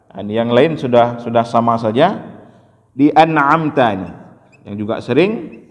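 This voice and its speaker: A man teaching a class how to pronounce each word of a recitation correctly. He patiently explains each sound, then chants the word slowly as a model. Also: medium pitch. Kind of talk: step-by-step recitation lesson. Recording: long hall reverb.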